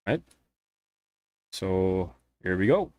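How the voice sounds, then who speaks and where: A man from the Philippines doing live play-by-play for an online rally race, excitable and crying out at big moments. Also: low-pitched, very slow. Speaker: rally stream commentator. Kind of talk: live esports play-by-play commentary.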